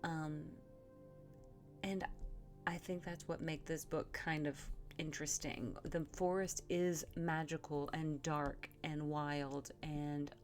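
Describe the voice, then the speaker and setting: A woman's voice: low voice, little pitch movement, slow pace, faint music behind. A woman giving a casual spoken book review, thoughtful and meandering, with many fillers and restarts.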